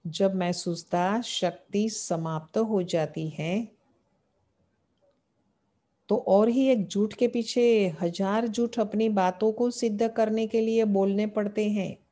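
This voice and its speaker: A woman gives a devotional talk in a mellow, warm voice. She poses questions to her listeners and answers them, returning again and again to the same phrases. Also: medium pitch, steady tone, slow. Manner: asks rhetorical questions and answers them, repeating key phrases. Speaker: spiritual teacher. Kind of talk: devotional sermon explaining scripture.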